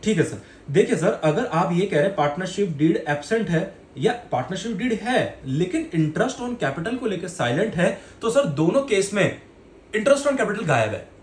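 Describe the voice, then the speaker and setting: A pleading, questioning teenage student, put on by a male teacher, pitched a little high. The voice asks and complains in an echoey room with faint noise behind it. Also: sing-song, moderate pace.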